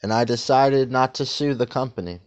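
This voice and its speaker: A man giving a deadpan parody of a guided meditation in a slow, calm, soothing voice. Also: medium pitch. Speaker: host of a parody meditation video.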